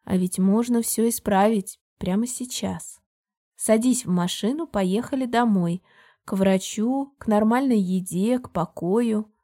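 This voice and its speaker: A woman reading the part of a controlling man in an audiobook, speaking evenly and almost friendly while quietly pressuring. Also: medium pitch, measured pace, lightly acted. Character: controlling adult man, calm and falsely caring.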